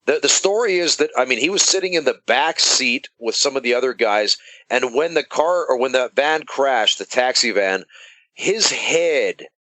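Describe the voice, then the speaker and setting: A man hosting a casual podcast, telling stories in an animated, emphatic way. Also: medium pitch, moderate pace, no echo, poor audio. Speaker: podcast host.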